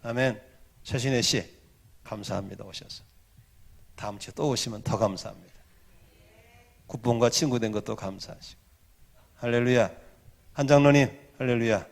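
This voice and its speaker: A man in his sixties preaching a Sunday sermon, leading the congregation in call-and-response and swinging from hushed asides to loud exhortation. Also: mid-range voice, moderate pace, gravelly, pauses often. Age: 60s. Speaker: pastor. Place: church sanctuary.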